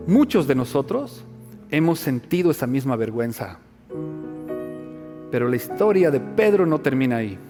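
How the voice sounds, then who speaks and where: A male pastor preaching a sermon, moving between hushed, searching questions and loud, emphatic passages. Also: mid-range voice, very animated, moderate pace, long pauses, big-room sound, music in the background.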